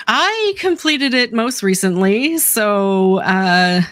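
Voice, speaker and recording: A woman's voice: medium pitch, animated, slow pace, a bit bright, soft background music. A woman hosting a casual gaming podcast, chatty and self-deprecating, laughing often. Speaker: podcast co-host.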